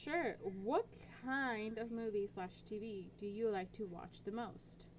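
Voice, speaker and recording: A woman's voice: on the high side, measured pace, slight background noise, poor audio. A woman co-hosting a podcast in casual chat, dry and offhand, reading quiz questions aloud. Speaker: podcast co-host.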